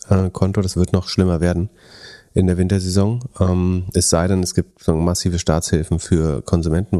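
Co-host, male, deep and warm, talks through numbers analytically. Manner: analytical, works through figures while thinking aloud. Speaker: podcast co-host. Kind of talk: casual podcast chat.

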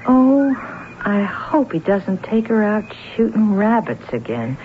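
An actress playing a fussy, easily irritated neighbor wife in an old radio drama. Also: female voice, mid-range voice, big pitch swings, slow pace, slight background noise. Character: fretful neighbor wife, chatty. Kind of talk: 1940s radio acting. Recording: tinny old radio recording.

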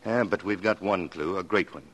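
A weary police detective in a vintage radio drama. His voice is very deep, and he speaks in a plain, matter-of-fact way. He reports the case evenly. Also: moderate pace, fairly bright tone. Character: Brub, tired police detective husband. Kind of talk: 1940s radio acting.

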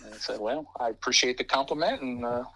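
A man's voice: mid-range voice, quick pace, pushed and bright, poor audio. A man who referees basketball, telling a story about himself with dry, understated humor. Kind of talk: casual anecdote telling.

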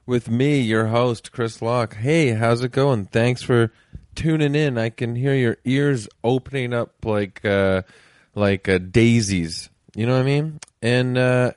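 A man's voice: medium pitch, unhurried, a little mellow, no echo. Guy with a head cold doing a podcast intro, stuffy nose, mouth breather, dry sound. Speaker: podcast host.

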